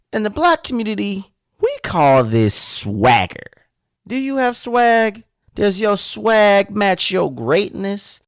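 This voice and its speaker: A man hosting a podcast, giving an energetic, emphatic motivational monologue straight to the listener. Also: a little high, no room sound, clean studio sound. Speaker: podcast host.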